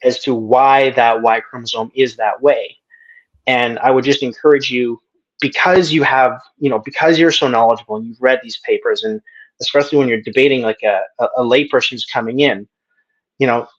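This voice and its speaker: A man's voice: medium pitch, fairly even intonation, normal speed, lo-fi sound. A man joining a debate stream as a guest, speaking casually with many hesitations and restarts.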